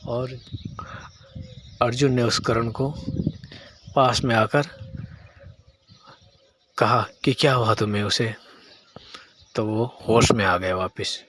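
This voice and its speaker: A man narrating a horror story in a plain, halting storytelling manner with frequent restarts. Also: medium pitch, steady tone, a bit bright, slight background noise.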